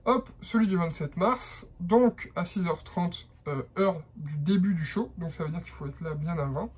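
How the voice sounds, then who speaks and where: A man's voice: high-pitched, moderate pace, slightly rough. A man from France with a French accent, explaining a how-to in a hesitant vlog style with many fillers. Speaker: vlogger.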